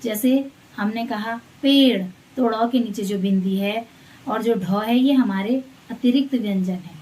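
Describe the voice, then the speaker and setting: A woman teacher giving a grammar lesson to children, reciting letters and definitions slowly and patiently. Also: a little high, dark tone, recorded from a distance, low-quality recording.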